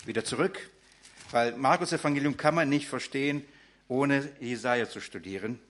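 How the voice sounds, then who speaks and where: A man's voice: medium pitch, moderate pace, a bit bright. A man preaching a sermon in German, talking directly to his congregation with frequent fillers and restarts.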